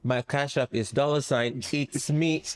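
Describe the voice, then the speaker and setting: A man on a talk show panel, relaxed and laid-back. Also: medium pitch, a little slow. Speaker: panel guest. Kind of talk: casual panel chat.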